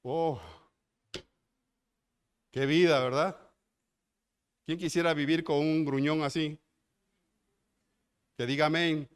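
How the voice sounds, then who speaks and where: A man's voice: on the high side, fairly even intonation, slow, pauses often, clean tone. A man with a Mexican accent preaching a sermon, emphatic and full of rhetorical questions to the congregation. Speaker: pastor.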